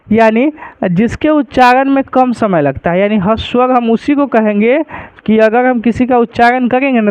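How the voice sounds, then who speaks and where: A man's voice: extremely high pitch, a little mellow, clear, resonant tone, dry recording, dull audio. A man teaching a grammar lesson to students, repeating points and asking rhetorical questions to check they follow.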